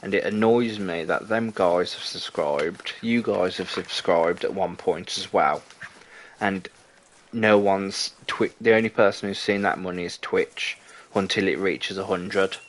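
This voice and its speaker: A man's voice: low voice, steady tone, measured pace, a little hiss or hum. A young man streaming a hunting game, rambling and chatty as he talks to his viewers, often correcting himself mid-sentence. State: out of breath. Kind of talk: casual gameplay commentary.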